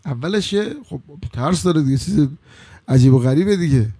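A male preacher telling a religious story in a sermon. He moves between hushed passages and loud, emotional outbursts, and draws out chanted phrases. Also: on the high side, lively intonation, slightly rough, no room sound. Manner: drawn-out chanted Arabic phrases.

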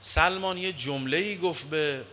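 A man preaching a sermon in an animated way, dropping to low murmurs and rising to loud exclamations. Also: slight background noise.

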